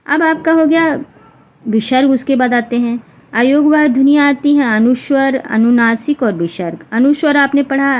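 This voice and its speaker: A woman teacher explaining a grammar lesson for exam students, repeating example sounds slowly one by one. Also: sits high. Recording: dull lo-fi recording with faint noise.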